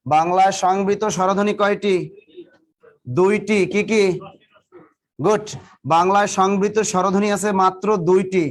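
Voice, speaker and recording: A man's voice: sits high, flat delivery, a little slow, long pauses. A man. He fires the same question again and again, then teases and scolds his students. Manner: drills students with repeated questions, teasing and scolding. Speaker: exam coaching teacher. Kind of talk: live classroom lecture.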